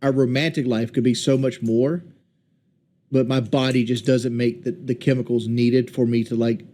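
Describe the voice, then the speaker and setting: A man in his late thirties in a casual voice chat, rambling candidly and haltingly. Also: medium pitch, steady tone, dark tone. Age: 30s. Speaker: streamer.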